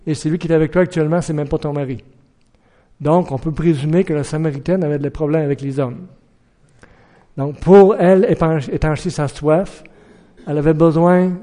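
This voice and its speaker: Preaching a sermon, a middle-aged man speaks earnestly in a slightly high voice. He repeatedly poses questions to his listeners and bursts into acted-out, shouted warnings.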